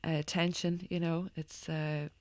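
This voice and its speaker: This guest, a stand-up comedian from Ireland, wanders through a casual chat in a hesitant way. She has a deep, slightly mellow voice with little pitch movement and a slightly slow pace, and there's no room sound.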